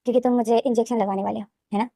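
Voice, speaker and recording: A woman's voice: fairly high pitch, fairly even intonation, rapid-fire, vocal fry, warm tone, no echo, studio quality. A woman voicing an angry, bitter young male captive who answers in a snapping way.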